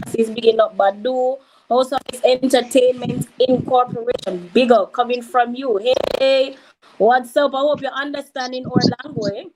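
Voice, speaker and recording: A woman with a Jamaican accent hosting a livestream, reading out viewer comments and giving shout-outs. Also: a little high, slight background noise, rough recording. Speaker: livestream host reading chat. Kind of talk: casual livestream chat.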